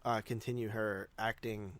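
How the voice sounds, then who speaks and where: On a recording with no room sound, a man's lowish, slightly bright voice keeps a level tone at normal speed. He's a podcast co-host in a casual film review chat, his loose wording often doubling back.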